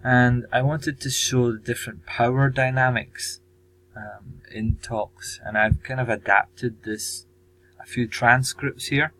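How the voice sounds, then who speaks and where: Slow, measured man explaining tasks. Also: medium pitch, fairly even intonation, fairly bright tone, rough recording. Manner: measured, with frequent ums and pauses. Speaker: teacher presenting course tasks. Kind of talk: recorded presentation.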